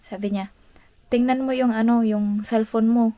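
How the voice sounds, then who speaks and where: A woman from the Philippines in her thirties vlogs to her viewers, telling a family story in a loose, chatty way. Her voice sits fairly high, and she laughs easily as she talks. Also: moderate pace. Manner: chatty, animated, laughs often, mixes in English. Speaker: vlogger.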